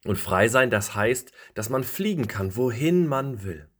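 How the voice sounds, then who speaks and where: A man voicing a chorus of carefree fallen leaves in a spoken storybook, calling out with bright, coaxing voices. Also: mid-range voice, expressive, a little slow, slightly rough. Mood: playful.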